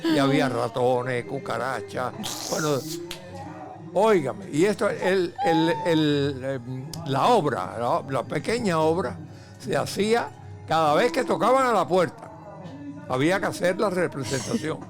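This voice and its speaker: Older grandfather host, gravelly and a bit high, tells lively stories that keep restarting. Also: a little slow, music in the background. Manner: animated storytelling with many restarts. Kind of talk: casual family chat.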